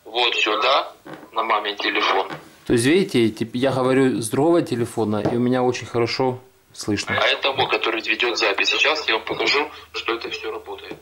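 A man's voice: medium pitch, steady tone, a little fast, pushed and bright, slight background noise. A man talking in a plain, chatty way, heard played back from a phone call recording through the phone speaker. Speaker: tech video blogger. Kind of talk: casual how-to demo. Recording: distant phone speaker playback.

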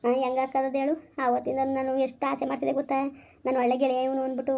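A woman's voice: high-pitched, monotone, gravelly, a little mellow. Woman playing desperate, pleading Jayalakshmi. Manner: pleading, desperate, fast-talking. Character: frightened married village woman, Jayalakshmi. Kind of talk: village family skit acting.

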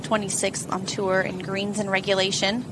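A woman's voice: mid-range voice, flat delivery, normal speed. A woman giving live golf commentary as an analyst, explaining shots in a conversational way. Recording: outdoor course ambience noise behind voice.

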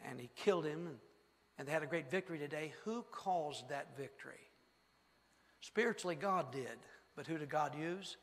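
A preacher tells a story from the pulpit, asking the congregation questions and acting out scenes as he goes. His voice sits a touch high for a man. It rings through the long reverb of a church sanctuary. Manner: animated, rhetorical questions, acts out the story. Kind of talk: sermon with storytelling.

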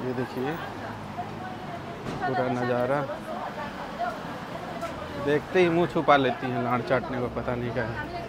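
Man, travel vlogger, handheld camera, outdoor street, loud traffic noise, cheeky banter. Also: mid-range voice. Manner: crude joking street commentary. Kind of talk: casual walking vlog commentary. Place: busy city street outdoors at night.

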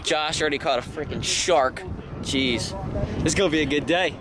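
A young man with a slightly high voice chats excitedly to his handheld camera while fishing from a bridge. Outdoor noise and wind hiss run clearly under his voice. The audio is plain camera sound from the outdoors. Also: normal speed. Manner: upbeat, excited narration to camera. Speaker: vlog host. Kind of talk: casual outdoor vlog chat. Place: outdoors on a bridge over water.

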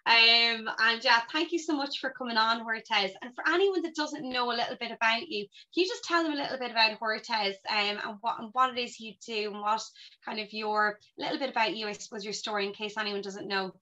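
A woman's voice: fairly high pitch, fairly quick, sharp tone, lo-fi sound. A woman hosting a leadership podcast, speaking enthusiastically and gushing with praise for her guest. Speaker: podcast host, retail coach. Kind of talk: podcast interview.

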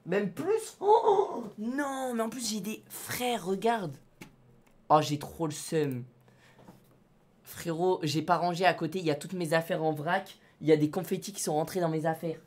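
A young man streaming live from his studio, talking to his chat in slangy, excitable bursts and shouting when things go wrong. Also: sits high, moderate pace.

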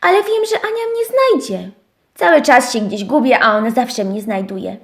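A woman's voice: fairly high pitch, lively intonation, moderate pace. A woman voicing a sweet, eager little toy sheep in a children's audio story. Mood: gentle. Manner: eager, cheerful, shouting calls.

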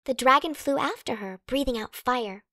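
A woman narrating a children's rhyming storybook with an expressive, dramatic storytelling delivery. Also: sits high, moderate pace. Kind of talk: expressive children's read-aloud in rhyme.

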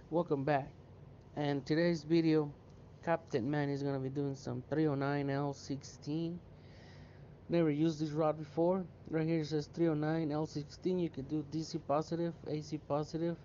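A man casually talking through his welding outdoors in a relaxed, chatty way, with lots of "you know". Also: fairly high pitch, lo-fi sound, a little hiss or hum. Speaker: welder vlogger. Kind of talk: casual how-to narration.

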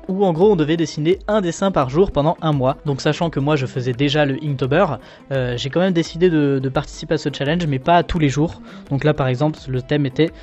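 A young man from France flipping through his sketchbook in a relaxed, self-mocking way, with lots of fillers. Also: fairly high pitch, highs cut off. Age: young adult. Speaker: artist showing his sketchbook. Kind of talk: casual commentary.

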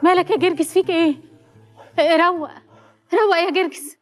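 Brief: middle-aged Egyptian mother, devoted, soothing and pleading, brisk and high-voiced. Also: faint music behind. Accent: Egyptian Arabic.

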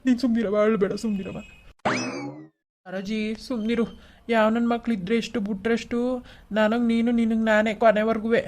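A woman's voice: fairly high pitch, flat delivery, a little fast, pauses often, darkish tone, close to an everyday voice. A woman voicing an earnest cartoon son. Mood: soothing. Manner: soothing, urging. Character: grown son of the family, earnest and soothing. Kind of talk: cartoon voice acting.

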